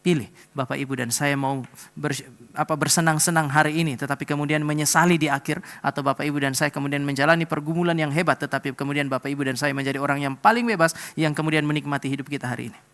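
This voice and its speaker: A middle-aged pastor preaching a sermon in church, telling a personal story and speaking straight to the congregation. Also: male voice, fairly high pitch, steady tone, quick pace, fairly bright tone. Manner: storytelling, addresses congregation directly.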